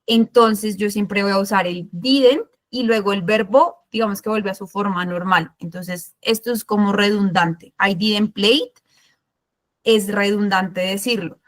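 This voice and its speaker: A woman's voice: mid-range voice, unhurried. A woman teaching English grammar in a live online class over a video call, patiently checking that students follow. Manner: patient, checks understanding often with "listo" and "sí".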